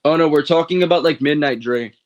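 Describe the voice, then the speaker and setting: Higher-voiced American man, blunt and slangy. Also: quick pace, highs cut off. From California, United States. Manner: blunt, slangy, heavy swearing. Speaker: livestreamer answering viewer questions. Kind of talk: casual live commentary.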